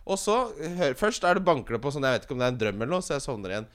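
A man hosting a casual fantasy football podcast, teasing his co-hosts and telling stories excitedly. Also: medium pitch, clear, resonant tone. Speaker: podcast host.

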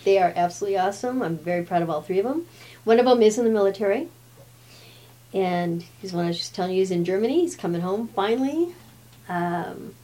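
Laughing frequently, a Brazilian-raised guest in her fifties, Portuguese her first language, talks in a casual chat with a mellow, medium-pitched voice.

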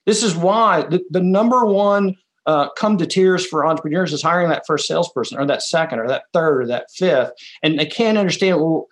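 A man's voice: on the high side, fairly quick. A man, an author appearing as a guest, teaching business ideas in a conversational way and telling stories with quoted back-and-forth. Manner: emphatic, tells stories with quoted dialogue.

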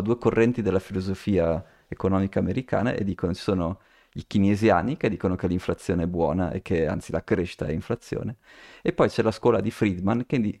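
A man's voice: deep voice, a little mellow. A man co-hosting a podcast, telling a story in casual chat, rambling with many restarts and fillers. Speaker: podcast co-host.

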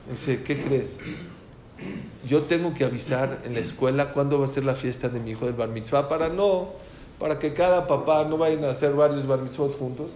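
A man teaching a religious class, telling anecdotes and acting out the dialogue with lively shifts of voice. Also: medium pitch. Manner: animated, acts out dialogue in stories. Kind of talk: storytelling lecture. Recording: echoey room with faint ambient noise.

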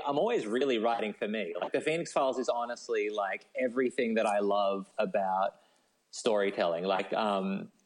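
An Australian man with a medium-pitched voice speaks as an interview guest, informal and discursive, often using "like" and "you know." The recording quality is low.

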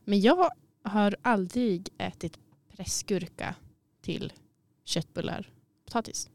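A woman's voice: mid-range voice, gravelly, a little mellow. A woman co-hosting a podcast, chatting casually and a bit self-consciously, laughing easily. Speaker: podcast co-host. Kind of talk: casual chat. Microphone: studio mic.

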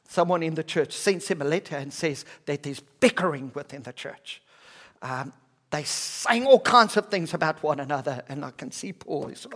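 A man pastor preaching a sermon, emphatic, swinging between loud passionate peaks and hushed, slow, stressed phrases. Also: fairly high pitch. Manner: slows and stresses words one by one.

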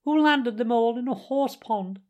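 A man's voice: high-pitched, very animated, slow, a little mellow, slightly rough, highs cut off, pitched above the performer's own voice, heavily acted. A man voicing a boastful, reckless, self-admiring male toad in a storybook reading, with a bombastic, pompous manner. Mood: gleeful, triumphant. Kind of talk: storybook character voice in audiobook reading.

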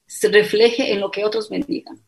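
A gravelly, medium-pitched woman's voice at normal speed belongs to a middle-aged speaker with an Ecuadorian accent. Appearing as an interview guest, she tells her life story earnestly and vividly, performing the lines other people said to her.

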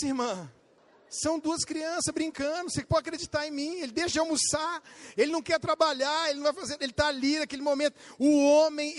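A man with a Brazilian accent preaching a sermon as a pastor, talking straight to his listeners with questions and acting out little scenes with sudden shouts. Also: very high voice. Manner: animated, acts out quotes and bursts into shouts; addresses listeners directly with questions.

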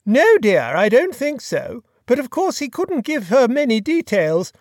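Storybook elderly duchess, gossipy and emphatic, raised and lively, voiced by the narrator. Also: mid-range voice, unhurried, dry recording, studio quality, voice pushed up. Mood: gossiping. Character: elderly dowager duchess, chatty and kindly. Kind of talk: audiobook dialogue.

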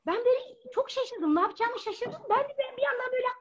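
A woman with a very high voice tells a personal story to a live audience, animated and acting out the people she quotes. The recording is dull and lo-fi. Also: fast, a loud crowd.

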